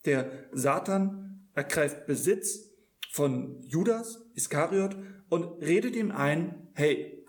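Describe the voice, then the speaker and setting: A man's voice: on the high side, animated, slow pace. A man preaching a sermon in an earnest tone, often stumbling over repeated words as he restarts.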